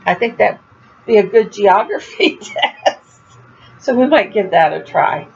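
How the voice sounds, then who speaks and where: Talking casually to her viewers, this older crochet vlogger from Florida has a medium-pitched, very animated voice with vocal fry and a breathy edge, and she takes her time. She's chatty and a little rambling, laughs at herself, sounds stuffy-nosed and coughs slightly, while the audio has its highs cut off.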